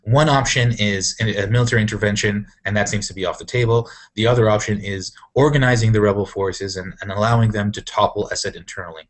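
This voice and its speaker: A man from Syria hosting an online panel, talking in a halting way with many restarts. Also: on the low side, steady tone. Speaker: host of an online panel discussion. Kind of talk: casual live video discussion.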